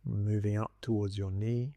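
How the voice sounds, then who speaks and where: A man with a fairly low voice guides a body scan meditation as a teacher, giving calm, gentle instructions separated by long pauses. There's no echo on the recording.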